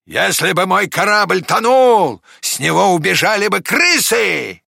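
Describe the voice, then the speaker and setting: A man's voice: high-pitched, very animated, a little slow, creaky, pushed and bright, husky, no echo, studio quality, pitched above the performer's own voice, heavily acted. A man voicing a fierce pirate captain villain in a fairy tale audiobook, bellowing threats. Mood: threatening. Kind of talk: storybook reading.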